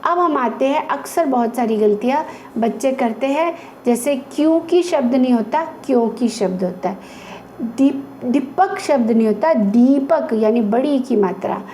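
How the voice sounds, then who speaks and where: High-voiced woman teaching Hindi spelling. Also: expressive, dark tone, slight background noise. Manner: patient, repeats example words slowly. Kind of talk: explaining a grammar lesson to children.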